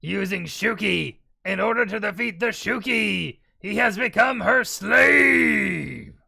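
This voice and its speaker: A man doing a gravelly, raspy demonic voice for a streamed reaction, playing a mocking, theatrical male demon. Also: sits high, slow pace, pushed and bright, voice pushed up, full character voice. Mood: bellowing. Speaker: streamer co-host. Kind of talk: reading a show synopsis in a put-on voice.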